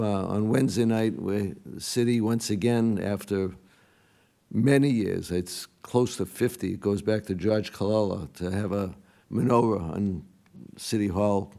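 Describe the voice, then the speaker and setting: Man, raspy whispery hoarse voice, mellow tone, low pitch, halting delivery, informal council remarks. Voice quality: raspy, strained, partly whispery. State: hoarse, recovering from a lost voice. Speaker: city councilor.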